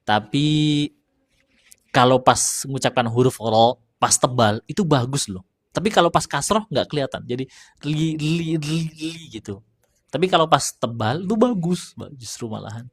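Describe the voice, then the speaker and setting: A man gives a live online recitation lesson, answering viewer questions in a relaxed, chatty tone. He slows down to sound out single letters again and again for his listeners to copy. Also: medium pitch, slightly rough. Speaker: Quran recitation teacher.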